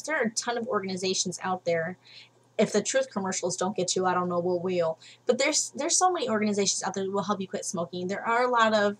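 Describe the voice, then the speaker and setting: A woman's voice: fairly bright tone, slight background noise. A young woman vlogging casual advice from home, frank and chatty, with many fillers. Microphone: webcam. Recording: low-quality home webcam recording.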